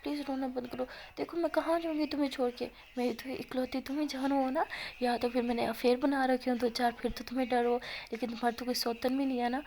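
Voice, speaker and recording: A woman voicing a young college student who soothes and teases her crying partner in a quick, coaxing, fond way. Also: sits high, level tone, a little mellow, slight background noise. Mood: soothing.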